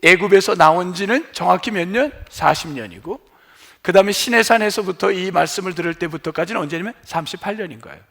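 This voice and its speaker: A middle-aged man preaching in church as the pastor. He asks his congregation questions and answers them himself, and his voice drops low and quiet at the end of emphatic phrases. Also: quick pace, gravelly. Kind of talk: sermon. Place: church sanctuary.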